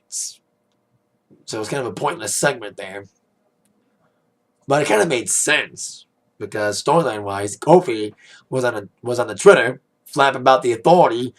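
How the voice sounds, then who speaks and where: A wrestling pay-per-view reviewer with a mid-range voice gives a casual spoken review, rambling heavily with "like", "uh" and "you know". His voice is raspy, hoarse and fading after a DJ gig.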